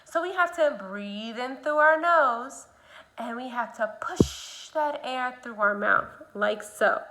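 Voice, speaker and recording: Woman, slow exaggerated speech modeling, fairly high pitch, simple instructional prompts, noisy recording. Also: sharp tone. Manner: addresses learner directly with simple step-by-step prompts. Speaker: speech teacher. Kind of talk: instructional speech sound lesson.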